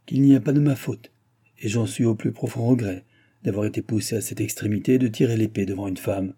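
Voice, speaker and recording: A man voicing a calm, courteous young officer who speaks formally. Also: fairly low pitch, brisk, husky. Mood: composed.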